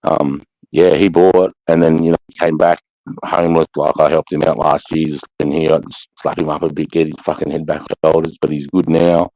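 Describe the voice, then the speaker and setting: Speaking fairly quickly in an extremely low, mellow voice with little pitch movement, an Australasian man hosts a live chat. The talk is loose and blokey, full of slang and free swearing, captured dry with no echo in dull lo-fi quality.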